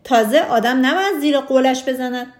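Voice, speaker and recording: A woman's voice: high-pitched, darkish tone, lightly acted. A woman voicing a proud, stubborn king in a children's storybook, talking in a raised, insistent way. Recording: roomy echo.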